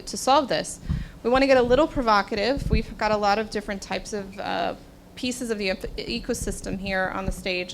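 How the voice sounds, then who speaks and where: American woman moderating a panel, chatty and upbeat, noisy live recording. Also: mid-range voice. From United States. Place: meetup event stage.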